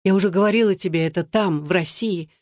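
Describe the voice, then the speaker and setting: A woman's voice: on the low side, fast talker, darkish tone, no room sound, studio quality, natural voice. An audiobook reader voicing a desperate young woman who pleads through tears and murmurs. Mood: pleading.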